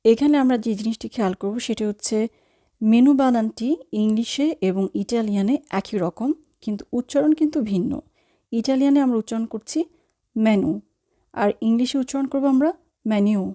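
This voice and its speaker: A woman's voice: a little high, fairly quick, dark tone. A woman with a Bangladeshi Bengali accent teaching vocabulary, saying each word twice and then translating it. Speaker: language teacher. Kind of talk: slow vocabulary lesson.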